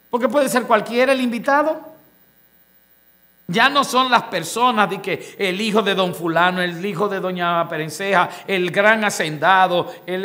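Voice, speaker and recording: This pastor's voice sits high and has a bright, forceful tone. His sermon is expository: he reads a scripture passage, then breaks it down word by word for the congregation, frequently asking rhetorical questions.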